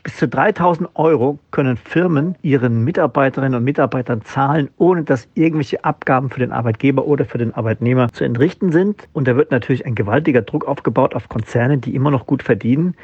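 A male chief editor previews the week's politics in a measured, analytical way. His voice is gravelly and husky, and the line sounds dull and muffled with little room in it. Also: mid-range voice, darkish tone, no echo.

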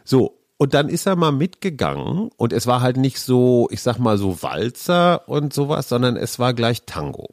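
A man's voice: medium pitch, sing-song, normal speed, hardly any pauses, no echo, clean studio sound. A man in his fifties hosting a podcast, a chatty, jokey interviewer. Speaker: podcast host. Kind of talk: casual podcast chat.

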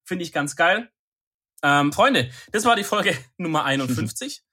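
A man's voice: fairly high pitch, very animated, unhurried, bright, forceful tone, slightly rough. A man co-hosting a casual podcast, talking in a slangy, joking way and addressing listeners directly. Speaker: podcast co-host.

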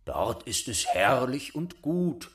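A man voicing a gentle, homesick reindeer in a storybook, speaking low, slow and wistful. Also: very animated.

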